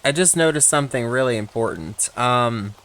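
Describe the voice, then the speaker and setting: A man reading aloud in a scripture narration style, with an emphatic, slightly halting delivery. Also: mid-range voice, expressive, fairly bright tone. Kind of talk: read-aloud Bible narration with casual asides.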